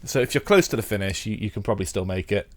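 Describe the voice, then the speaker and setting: Playing an old racing game, a man with a stuffy head cold rambles chattily to his live viewers, giving casual stream commentary. His voice sits on the low side and he talks at a racing pace. Slight background noise is present.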